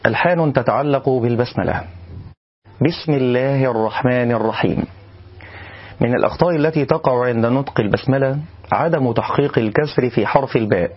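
Man teaching recitation, muffled recording. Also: medium pitch. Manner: explains calmly, then demonstrates recitation slowly and melodiously. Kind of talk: tajweed lesson.

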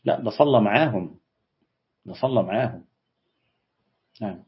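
A man with an Egyptian accent hosting a live stream, reading out viewer comments and answering them with quick, dismissive retorts. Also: on the low side, expressive, husky. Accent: Egyptian Arabic. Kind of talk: casual live Q&A on religion and history. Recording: dull lo-fi stream audio.

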